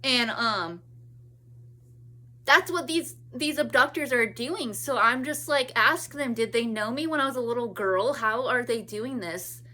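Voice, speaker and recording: A woman's voice: a little high, a little slow, bright, forceful tone. A woman in her thirties from California, talking in a rambling personal monologue with many restarts and trailing thoughts. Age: 30s. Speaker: vlogger.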